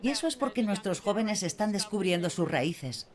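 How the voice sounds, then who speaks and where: A woman's voice: mid-range voice, lively intonation, moderate pace. A woman from Australia answering interview questions about her community, speaking in an earnest, proud way. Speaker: interviewee, local community historian. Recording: crowd chatter behind.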